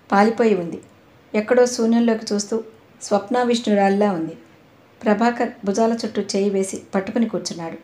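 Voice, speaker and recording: Calm, mellow woman narrating a novel. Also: medium pitch. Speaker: audiobook narrator. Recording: roomy echo.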